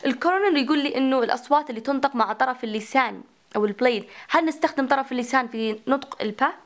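Woman lecturer, slightly high voice, talks herself through questions. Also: rapid-fire. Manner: mixes English terms into Arabic, asks and answers her own questions. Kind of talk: recorded phonetics lecture.

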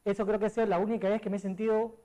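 A man's voice: high-pitched, flat delivery, racing, dark tone. A middle-aged man with a Peruvian accent, a sports columnist telling rambling stories as a guest in a casual interview, full of fillers and restarts. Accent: Peruvian Spanish. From Peru.

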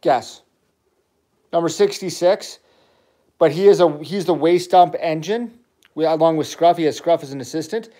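On a livestream, a middle-aged dad who runs a toy channel chats casually with his child about toy trains, enthusiastic and rambling. His voice is mellow and a little high, moving at a moderate pace with long pauses.

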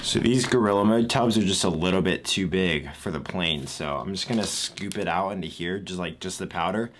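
A man talking casually to his vlog camera on the go, chatty and relaxed with lots of filler words. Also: deep voice, a little fast, noisy background. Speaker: fitness vlogger. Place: on the go: home, car, mall, airport. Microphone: camera-mounted shotgun mic. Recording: background music mixed under voice.

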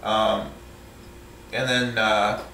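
Filmed by an overhead camera a few feet off, this man, a truck driver, gives a casual show-and-tell of his tools in a room at home, stopping and starting with plenty of ums. His low, creaky voice is very slow, pushed and bright, with little change in pitch, and it sounds far away amid echo and a faint hiss or hum.

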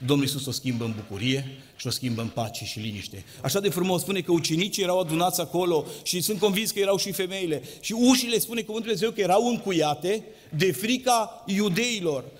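A man's voice: high-pitched, lively intonation, hardly any pauses. A man preaching a sermon in a church, with an impassioned, sing-song delivery that rises and drops. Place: church hall. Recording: long hall reverb.

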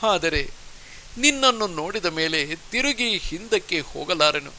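A man's voice: high-pitched, expressive, measured pace, pushed and bright, a little hiss or hum, full character voice. A man reading the lines of a torn young warrior monk in an audiobook, impassioned and declaiming.

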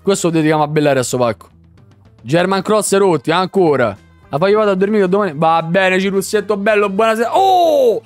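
A young man commentates a video game pack opening in a high, excitable voice. He swears freely and breaks into shouts. Faint music plays underneath. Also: brisk, no echo. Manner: loud, swearing, shouts at big pulls. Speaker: gaming streamer.

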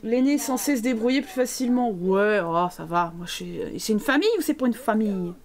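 A woman's voice: a little high, expressive, fairly quick. A woman streaming a life-sim game live, chatting playfully to her characters and thanking viewers as she goes. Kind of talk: live gameplay commentary.

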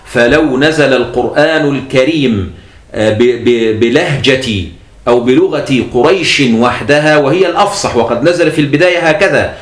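Male teacher, Egyptian accent, higher-pitched, patient step-by-step lecturer; roomy, echoey recording. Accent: Egyptian Arabic. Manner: explains step by step, repeats key points, addresses listeners as beloved in God. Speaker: teacher of Quran sciences. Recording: echoey room.

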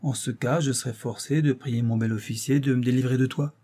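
A man's voice: mid-range voice, moderate pace, dark tone, close to an everyday voice. A male audiobook reader voicing a scornful, cruel young actress who taunts her lover with icy mockery. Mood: mocking. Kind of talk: audiobook reading.

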